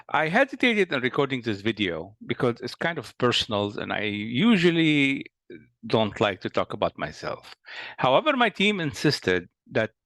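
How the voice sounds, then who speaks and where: A Lebanese-accented man of about sixty, who founded a company, recounts his life story hesitantly, full of fillers and restarts. His voice is medium in pitch and slightly bright, recorded dry.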